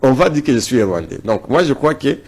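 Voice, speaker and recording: This guest in a political interview is a man from South Kivu whose Congolese French accent colors a mid-range, sing-song voice that is brisk, slightly rough and edged with vocal fry. He argues his opinions emphatically, pressing each point by repeating phrases.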